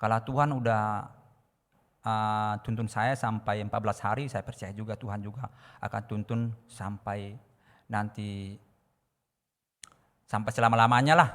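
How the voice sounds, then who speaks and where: A man giving a testimony in a church service. He speaks fervently and sometimes shouts prayers. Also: mid-range voice, in a large hall. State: recovering from illness. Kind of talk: sermon testimony.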